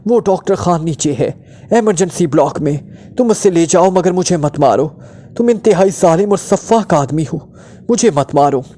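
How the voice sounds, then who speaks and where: A man's voice: on the high side, lively intonation, normal speed, darkish tone. A man voicing a terrified male doctor who stammers and pleads in fear. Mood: panicked pleading.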